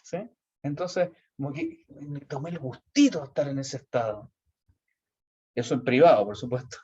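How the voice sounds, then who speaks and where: A man's voice: mid-range voice, expressive, normal speed, darkish tone, breathy edge. A man with a Chilean accent giving a lecture, explaining in a rambling way that repeats and restarts phrases. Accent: Chilean Spanish. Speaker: teacher. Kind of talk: lecture on personality types. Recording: dull lo-fi recording.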